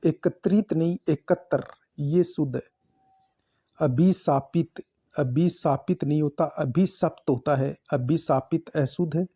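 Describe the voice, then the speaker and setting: A man gives a grammar lesson at an unhurried pace, repeating each word and saying which form is correct. His voice sits a bit high but sounds soft and dark in tone. The recording is dull and lo-fi. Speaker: teacher. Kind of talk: exam-prep grammar lesson.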